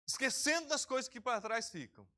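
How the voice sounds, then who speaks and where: Bright-voiced, lively male pastor preaching. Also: very high-pitched, moderate pace. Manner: lively, talks straight to the congregation, calls people by name. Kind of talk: sermon. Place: church, online service.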